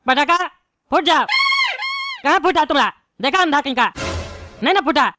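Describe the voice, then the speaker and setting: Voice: high voice, lively intonation, normal speed, music in the background. A voice actor playing a bald, hot-tempered male politician in a cartoon, given to angry, threatening rants. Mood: blustering. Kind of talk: cartoon voice acting.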